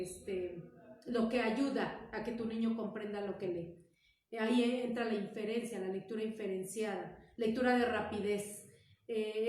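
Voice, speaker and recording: A woman's voice: medium pitch, darkish tone. Lady teacher explaining reading stuff to parents, patient, sounds far off and super echoey. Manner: explains patiently, checks in with "¿sale?". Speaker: primary school teacher. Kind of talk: teaching parents in an informal talk. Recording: echoey room, far from the mic.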